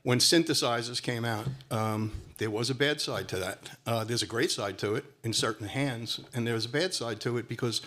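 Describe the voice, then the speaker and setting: A middle-aged man with a Brooklyn accent rambles conversationally as a panelist, using lots of fillers. His medium-pitched, slightly bright voice moves at a moderate pace with hardly any pauses.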